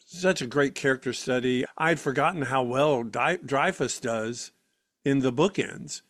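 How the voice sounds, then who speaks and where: A man's voice: medium pitch, unhurried, a bit bright. A man co-hosting a podcast, enthusiastic and prone to stammering and restarting sentences. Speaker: podcast co-host. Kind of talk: casual chat.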